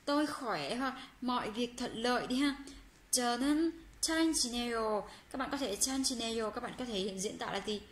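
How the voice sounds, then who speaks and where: A woman with a high voice gives a patient language lesson, slowing down to repeat words and phrases for her learners. She reads example sentences more quickly between explanations. The recording sounds roomy, with a faint hum underneath. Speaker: Korean language teacher.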